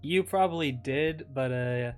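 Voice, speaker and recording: A man's voice: medium pitch, clear, resonant tone, soft background music. A man running a tabletop game as game master, often stopping and restarting his sentences. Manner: halting, restarts mid-sentence.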